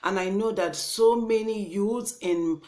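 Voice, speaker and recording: A woman's voice: mid-range voice, measured pace, dark tone. A young woman with a Nigerian accent speaks straight to camera in an earnest, indignant monologue, often repeating and restarting her words. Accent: Nigerian English. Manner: passionate, indignant. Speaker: vlogger. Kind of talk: impassioned vlog monologue.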